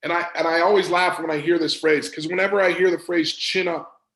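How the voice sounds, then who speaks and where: Emphatic male performance coach, gravelly, somewhat high voice, echoey room. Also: fast. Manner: energetic, emphatic, repeats words for stress. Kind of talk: motivational presentation.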